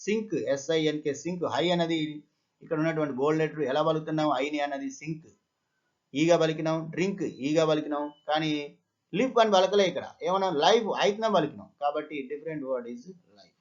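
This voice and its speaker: A man's voice: on the high side, fairly quick. A man with a Telugu accent teaching an exam-prep phonetics lesson, explaining step by step and mixing English words into his talk. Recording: dull, lo-fi recording.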